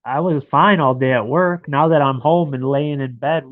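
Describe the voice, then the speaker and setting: A man with a stuffed-up nose chats on a casual phone live stream from his bed at home, rambling and addressing viewers by name. His voice is a little high and moderately paced. The sound is dry and lo-fi, like a phone, with no room sound.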